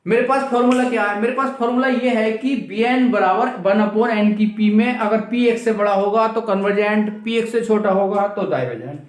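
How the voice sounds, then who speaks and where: A man's voice: high-pitched, moderate pace, few pauses. Echoey male maths teacher. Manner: questions the class and answers himself, repeats key steps. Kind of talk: classroom lecture. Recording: very echoey room, mic far off.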